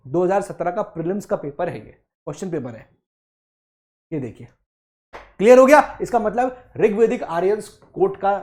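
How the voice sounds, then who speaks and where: A young man teaching an exam prep lesson, talking emphatically and coaxing students, and slowing down to read English quotes aloud. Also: high-pitched. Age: young adult. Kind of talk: Hindi-English lecture.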